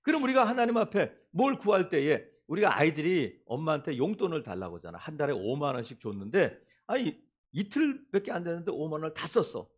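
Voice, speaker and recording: A man's voice: on the high side, big pitch swings, brisk, husky. A male pastor preaching a sermon, asking the congregation questions and acting out quoted voices.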